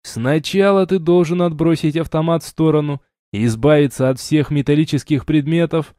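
A curt, commanding male drill instructor, read by a male audiobook narrator in a dark, mellow voice. He barks his corrections to a cadet. The recording is dry and close. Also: a little high, fairly even intonation, moderate pace, dry recording, lightly acted. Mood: stern.

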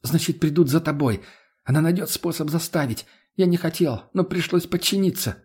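Man voicing a scared teen boy, shaky, high, short halting bursts. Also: darkish tone, breathy edge. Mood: frightened. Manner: fast, halting, pleading. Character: frightened teenage boy, shaken captive.

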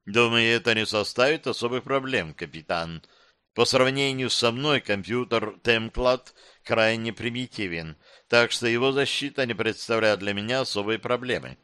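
A man's voice: medium pitch, moderate pace, sharp tone, smooth, dry recording, clean studio sound, lightly acted. A man reading aloud and voicing a female ship AI hologram who talks in a metallic, toneless voice while computer processing. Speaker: audiobook narrator. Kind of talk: reading a sci-fi novel aloud.

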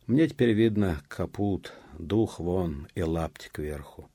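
A man reading an audiobook voices a calm, wry old peasant man who speaks low and quietly. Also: slow, no echo, exaggerated voice. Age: older. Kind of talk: audiobook character voice.

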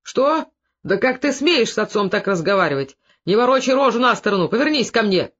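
A reader voicing an angry, short-winded old Cossack grandfather who shouts and scolds. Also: medium pitch, lively intonation, a little fast, lo-fi sound. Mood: scolding. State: short of breath.

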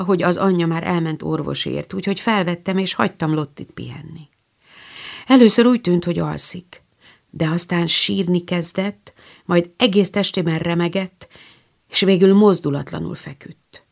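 A woman reading the part of a gentle, shy teenage girl in a storybook, speaking softly and subdued. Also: lowish voice, creaky.

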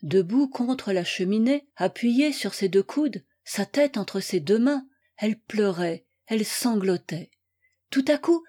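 Slow, mellow woman reading a novel. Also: fairly high pitch. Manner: measured, expressive reading. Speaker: audiobook reader. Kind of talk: scripted literary narration.

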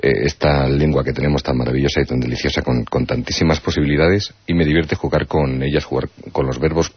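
A man's voice: very deep voice, steady tone, quick pace, breathy edge, no echo. A man, a guest poet, talking reflectively in a radio interview, often tagging his points with a questioning "no?". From Spain. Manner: reflective, wordplay-loving, frequent rhetorical "¿no?". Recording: dull radio broadcast sound.

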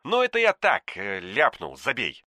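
A man's voice: medium pitch, wildly swooping pitch, moderate pace, bright, forceful tone, no room sound, clean studio sound, voice pushed up. A man voicing Anton, a cocky, touchy young man who talks in a chatty, sly way. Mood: teasing. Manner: chatty, sly, easily offended. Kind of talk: audiobook character voice.

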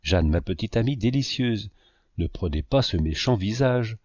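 A man reading the lines of a scheming, self-pitying man who flatters and presses a young woman, in a low voice with a lively pitch. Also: normal speed, no echo. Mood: insistent. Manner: insistent, flattering. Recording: dull lo-fi dry recording.

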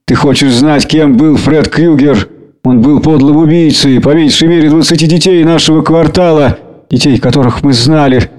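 A man voicing a grim, stern middle-aged mother who speaks slowly and heavily, giving orders. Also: on the high side, steady tone, a little mellow, natural voice. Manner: slow, heavy, commanding.

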